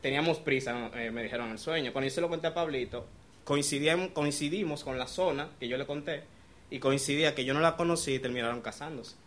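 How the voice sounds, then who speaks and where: A man's voice: medium pitch, fast talker, fairly bright tone. A man shares a dream with a church group, talking hesitantly and restarting his phrases. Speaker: church member sharing a dream. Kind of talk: casual personal account.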